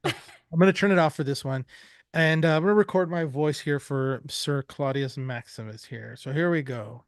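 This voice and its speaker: A man presenting a live software demo, chatty and enthusiastic, rambling with fillers. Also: on the high side, moderate pace, dry recording, studio quality.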